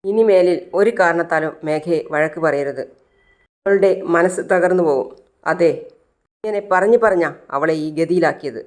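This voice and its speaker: A woman's voice: on the low side, unhurried, lightly acted. Woman voicing an anxious, scolding mother. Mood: pleading. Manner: pleading, scolding.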